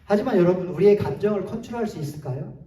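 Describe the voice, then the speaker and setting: A male pastor preaching a sermon in a church sanctuary, with lively rhetorical questions and frequent chuckles. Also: high voice, rapid-fire. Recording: echoey hall, distant mic, faint hiss.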